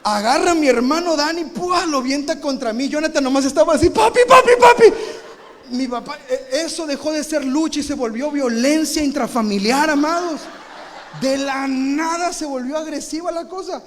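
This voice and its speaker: Animated preacher in an echoing church. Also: male voice, extremely high pitch, a little fast. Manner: animated, acts out scenes with shouted sound effects. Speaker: pastor. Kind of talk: sermon with comic storytelling. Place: large church, live service. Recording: reverberant live church hall.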